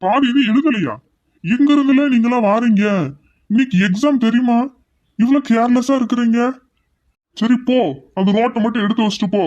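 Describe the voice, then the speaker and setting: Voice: mid-range voice, darkish tone, dull audio, natural voice. A man voicing a stern, impatient lab teacher who scolds his students. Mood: scolding. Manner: scolding, hurried orders.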